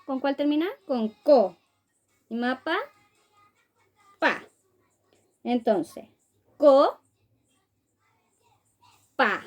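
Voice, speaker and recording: Sounding out each word syllable by syllable, a preschool teacher leads small children in phonics and praises them frequently. Her voice is a little high, with a dark tone.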